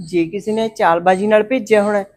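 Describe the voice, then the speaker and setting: A woman's voice: medium pitch, steady tone, fairly quick, a little mellow, close to an everyday voice. Protective Punjabi mother, played by a woman, middle-aged, firm and comforting. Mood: resolute. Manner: protective, reassuring. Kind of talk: web series drama acting.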